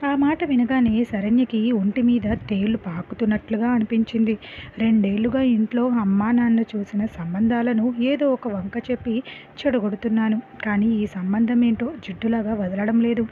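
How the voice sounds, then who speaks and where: A woman's voice: a little high, fairly even intonation, normal speed. Woman storyteller, tinny phone-like sound. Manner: chatty, conversational asides. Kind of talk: first-person story narration. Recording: phone-like lo-fi with faint hiss.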